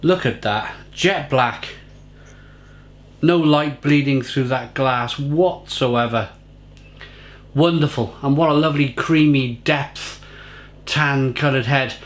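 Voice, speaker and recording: A man's voice: mid-range voice, slow pace, long pauses. A man giving a casual, effusive beer tasting review, often repeating phrases for emphasis.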